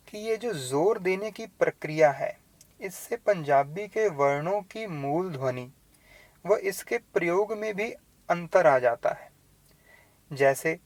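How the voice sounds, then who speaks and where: A man's voice: a little high, darkish tone, dry recording. A man teaching a beginner language lesson, patiently reading out letters one by one and stressing each sound with care. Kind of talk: slow spoken language lesson.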